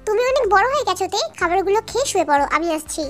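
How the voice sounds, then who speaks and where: Scold hard as a protective young husband in a woman's reading voice, very high. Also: expressive, rapid-fire, a bit bright, soft background music. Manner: scolding and bossy. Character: stern young male teacher and husband, jealous and protective.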